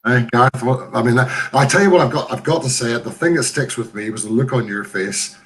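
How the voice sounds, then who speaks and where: A man's voice: mid-range voice, a little fast, a little hiss or hum. A man hosting a casual live interview in an effusive, encouraging way. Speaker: host.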